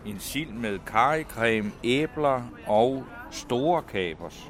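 A man's voice: medium pitch, lively intonation. A man chatting as an interview guest at an outdoor restaurant, opinionated and casual. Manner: chatty, opinionated, uses fillers. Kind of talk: casual chat.

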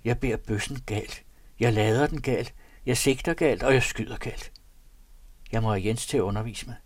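Male narrator with a mid-pitched voice, dry and close-miked, giving a measured, earnest reading of a period diary. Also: dry recording.

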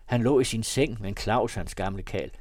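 A man narrating a classic novel for an audiobook in a measured, formal storytelling manner. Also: lowish voice, darkish tone, no room sound, clean studio sound. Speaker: audiobook reader.

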